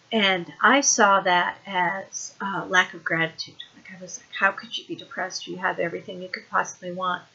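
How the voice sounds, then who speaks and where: A woman in her forties talks casually to the camera about parenting, her voice bright and forward. She often stops on ums and restarts her sentences. The recording is dull and lo-fi. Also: mid-range voice. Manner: conversational, with frequent ums and restarts. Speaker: parent giving advice. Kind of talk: casual advice talk to camera.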